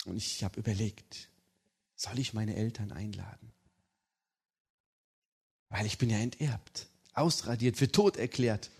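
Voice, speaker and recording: A man preaching his personal testimony to a congregation, telling the story in a lively way and checking in with the listeners. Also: fairly low pitch. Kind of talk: sermon testimony.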